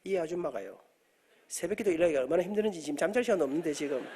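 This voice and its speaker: A middle-aged man, preaching an animated storytelling sermon in a church and joking with the congregation. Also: fairly high pitch, racing, slightly rough. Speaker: guest preacher, professor. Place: church sanctuary.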